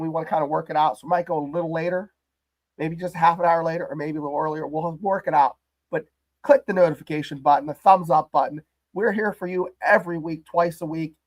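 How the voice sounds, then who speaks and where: A man hosting a casual live sports chat show, his voice hoarse and crackly from the flu, talking in a rambling, jokey way. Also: on the high side, steady tone, quick pace, dry recording. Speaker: host.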